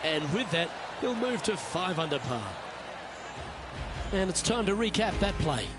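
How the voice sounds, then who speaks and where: A man playing a composed, courteous TV golf anchor, calling play as a golf commentator with measured, polished delivery in a video game. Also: high voice, very animated, loud music behind the voice. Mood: composed, approving.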